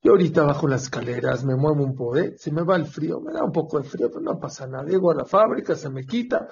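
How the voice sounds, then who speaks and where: A speaker with a Mexican accent voicing an elderly husband who earnestly pleads with a rabbi. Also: female voice, deep voice, expressive, fast talker, creaky, darkish tone, breathy edge, heavily acted. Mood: pleading. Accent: Mexican Spanish. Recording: dull lo-fi recording.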